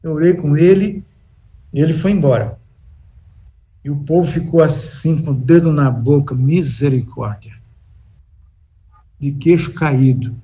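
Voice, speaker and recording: A male pastor preaching a sermon in a church, slow and emphatic, with pauses and restarts. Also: on the high side, warm tone, slight background noise. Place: church sanctuary.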